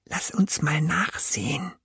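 A man's voice: high voice, big pitch swings, fast, slightly rough, no echo, clean studio sound, pitched above the performer's own voice, full character voice. Man playing a brash, snappy young meerkat. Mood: whispering. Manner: brash and snappy, sometimes whispering. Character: bold young male meerkat, quick-tempered. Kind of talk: children's audiobook reading.

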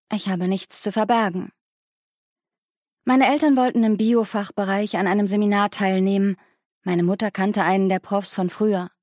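A woman reading a first-person audiobook in a composed, even way. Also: medium pitch, dry recording, clean studio sound. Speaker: audiobook narrator.

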